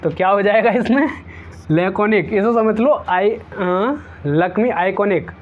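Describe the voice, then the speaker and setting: A man's voice: high-pitched, unhurried. Man drilling vocabulary, lo-fi sound. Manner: repeats each word several times, playful memory tricks. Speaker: teacher. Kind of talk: exam-prep vocabulary lesson.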